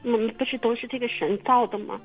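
A woman telling her own story in casual testimony, halting and repeating her words with many fillers. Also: on the high side, fairly even intonation, husky, soft background music. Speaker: testimony guest. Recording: muffled phone-line radio recording.

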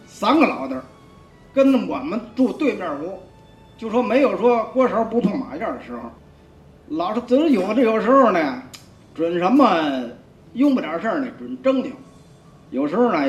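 A man, giving a rambling, colloquial spoken testimony full of repeats and restarts. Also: a little high. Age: 50s. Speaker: church member giving testimony. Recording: roomy, dull sound with faint music.

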